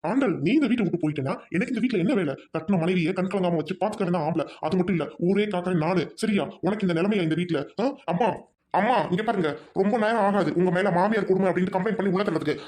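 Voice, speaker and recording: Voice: medium pitch, darkish tone, natural voice. A performer playing a young husband who angrily defends his wife against his mother and threatens to leave home. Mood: angry. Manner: heated, rapid protests.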